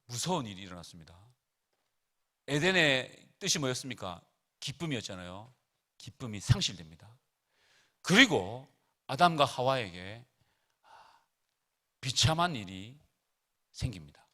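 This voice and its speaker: A man's voice: mid-range voice, sing-song, measured pace, pauses often, bright, forceful tone. A middle-aged man preaching casually to teenagers at a retreat, chatty and joking as he tells family stories.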